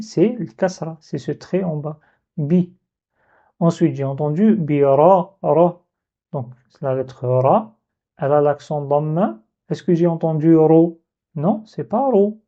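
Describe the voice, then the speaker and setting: A patient teacher leading a dictation lesson step by step, repeating each question and sound slowly. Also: mid-range voice, dark tone, muffled recording. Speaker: Arabic reading teacher.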